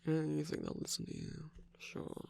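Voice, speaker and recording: Shadow Milk Cookie, a gravelly whispering trickster voiced by a performer. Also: medium pitch, wildly swooping pitch, normal speed, warm tone, exaggerated voice. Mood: sarcastic. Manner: dismissive, teasing, evasive, with sighs and laughs. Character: sarcastic mischievous male cookie jester, scheming. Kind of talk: ASMR roleplay.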